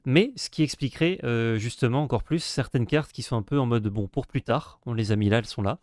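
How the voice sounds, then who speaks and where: A man co-hosts a relaxed card-game talk, often pausing and restarting his sentences. His voice sits at a middle pitch. The sound is dry and close. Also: no echo. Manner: hesitant, many fillers and restarts. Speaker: co-host. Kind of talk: casual card-game discussion.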